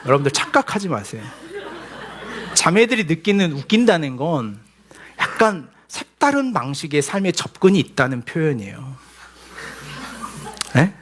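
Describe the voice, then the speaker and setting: A man's voice: fairly high pitch, sing-song, normal speed, pauses often, fairly bright tone. A male pastor giving a sermon in a conversational, humorous way, acting out little quoted voices as he goes.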